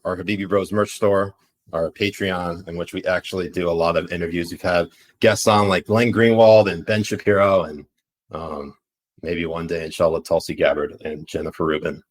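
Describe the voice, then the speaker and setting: This Pakistani-accented co-host of a live political chat show has a low-sitting voice, a level tone, and normal speed. He tends to ramble, uses many fillers, and laughs easily.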